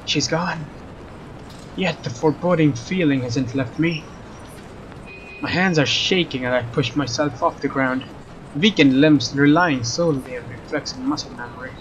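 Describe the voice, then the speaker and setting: This let's player sits on the higher side and talks at a moderate pace, with a bit of hiss or hum in the audio. He reads the story aloud with drama and tosses in relaxed commentary. Faint game music plays under a somewhat muffled mic.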